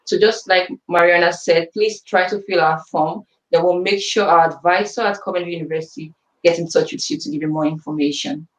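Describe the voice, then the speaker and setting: Animated Nigerian woman, roomy and distant. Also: on the low side, fairly quick. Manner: animated, laughs often. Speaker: student advisor. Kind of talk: live Q&A chat. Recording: roomy sound from far off the mic.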